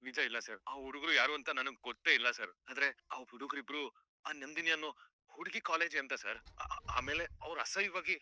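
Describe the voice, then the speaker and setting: Young man begging he's innocent, quick bright voice. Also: a little high, dry recording. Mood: pleading. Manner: pleading, respectful. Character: young man falsely accused, pleading.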